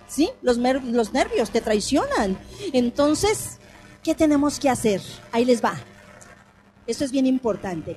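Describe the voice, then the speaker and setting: A middle-aged Mexican woman hosting a radio talk on grief, animated, repeating phrases for emphasis and asking the listeners questions. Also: high voice. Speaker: radio host and thanatology speaker.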